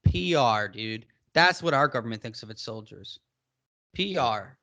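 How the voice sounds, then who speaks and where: Co-hosting a podcast, this late-twenties man from Massachusetts, United States, rambles through emphatic opinions in casual conversation. He speaks unhurriedly in an animated, mid-range voice that is creaky, pushed and bright.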